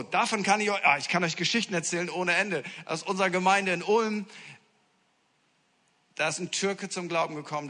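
Bright-voiced male preacher in a reverberant hall. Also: on the high side. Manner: humorous anecdotal storytelling to a congregation. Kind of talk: sermon.

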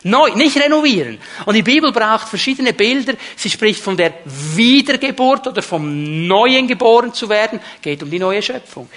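A man's voice: extremely high pitch, sharp tone. A man preaching a sermon to his congregation, emphatic and repeating key words, speaking to the listeners directly. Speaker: pastor.

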